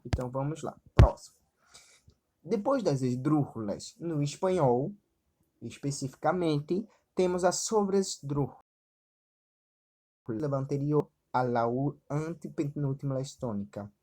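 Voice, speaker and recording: A woman teaching a slide-based Spanish lesson, explaining step by step, often checking in with quick questions, and saying example words slowly with stress. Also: low-pitched, lively intonation, dark tone. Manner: explanatory, frequently checks in with "certo?" and "ok?".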